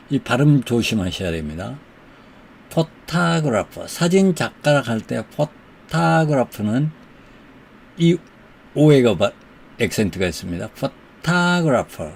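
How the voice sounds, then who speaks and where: A man teaching English, who says the English example sentences slowly and deliberately and explains them more quickly. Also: medium pitch, creaky, darkish tone, a little hiss or hum. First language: Korean. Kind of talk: slow explanatory lesson.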